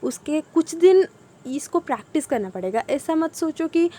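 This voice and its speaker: Young woman with a slightly high voice, explaining meditation patiently in a casual tutorial. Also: animated, normal speed, warm tone. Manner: patient, repeats points with frequent fillers. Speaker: meditation instructor.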